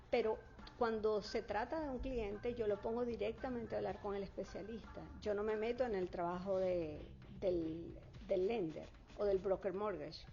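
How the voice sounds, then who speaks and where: A Florida real estate consultant whose first language is Spanish answers interview questions fluently but with many fillers and restarts. Her medium-pitched voice is gravelly and mellow, and the lo-fi recording sounds dull.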